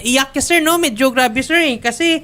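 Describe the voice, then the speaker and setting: A host with a Filipino accent, probing politely in a complaint-show interview. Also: male voice, extremely high pitch, moderate pace, pushed and bright. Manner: polite, probing, many "sir" and "ma'am".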